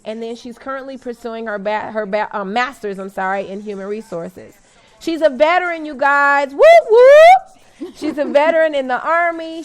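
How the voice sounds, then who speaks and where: A woman hosting an inspirational talk radio show, upbeat and teasing, who sometimes stumbles over words and corrects herself. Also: high-pitched. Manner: upbeat, teasing, laughs at own jokes.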